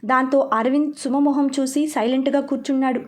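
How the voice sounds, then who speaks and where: A woman reading aloud a serialized novel as storyteller, steady and expressive. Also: high-pitched, fairly quick. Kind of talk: scripted narration of a serialized novel.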